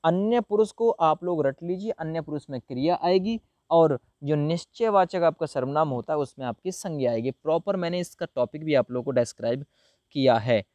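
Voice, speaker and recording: A man's voice: on the high side, animated, normal speed, a little mellow, dry recording. A man teaching a grammar lesson to a class of viewers, calling them friend and brother and acting out example sentences as he asks them questions.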